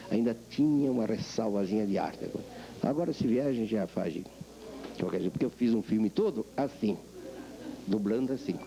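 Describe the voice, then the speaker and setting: An older man, a veteran voice actor, being interviewed and telling animated stories about his craft. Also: on the low side, normal speed, creaky, poor audio. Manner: animated storyteller, acts out voices. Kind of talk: reflective interview talk.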